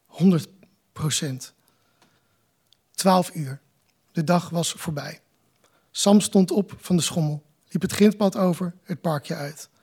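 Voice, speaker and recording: A man, the author, reading aloud from his novel in a measured, calm way at a live book presentation. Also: high-pitched.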